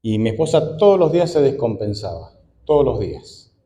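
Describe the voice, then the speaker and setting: A man's voice: mid-range voice, very animated, fairly quick, warm tone. A man in his forties, an Argentine pastor, preaching a conversational sermon full of rhetorical questions. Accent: Argentine Spanish.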